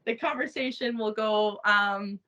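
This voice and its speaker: A young Canadian woman chatting through an interview, talking freely with lots of "um"s and quick laughs. Her voice is bright and forward, at a middle pitch for a woman. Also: fairly even intonation, low-quality recording. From Saskatchewan, Canada. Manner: chatty, many fillers, laughs often. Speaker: actress interviewee. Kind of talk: casual interview chat.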